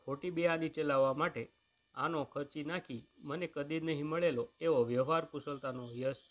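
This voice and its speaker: A man reading a humorous short story aloud in a measured, expressive first-person narration. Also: a little high.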